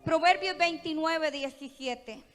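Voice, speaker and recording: A woman pastor with a Costa Rican accent, preaching a sermon in a church with impassioned, emphatic delivery that swells to loud peaks. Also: high voice, slow pace. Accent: Costa Rican Spanish. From Costa Rica. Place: church hall. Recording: reverberant church hall with music.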